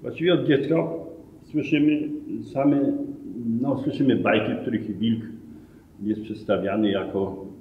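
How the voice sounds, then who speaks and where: A man's voice: medium pitch, steady tone, measured pace, a little hiss or hum. A middle-aged man guiding a museum talk, explaining things step by step and correcting himself now and then. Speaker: museum guide. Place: museum hall among glass display cases. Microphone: camera a few meters away. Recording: roomy, distant, phone-like thin sound.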